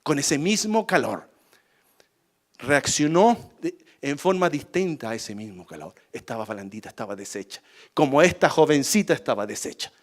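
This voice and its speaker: A man's voice: mid-range voice, very animated, normal speed. A male pastor preaching a sermon emphatically, repeating points and addressing listeners as brother.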